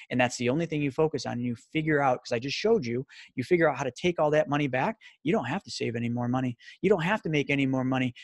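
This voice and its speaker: A man giving an energetic sales presentation as a financial presenter. He talks rapidly and excitedly, firing off rhetorical questions. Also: medium pitch, no echo, studio quality.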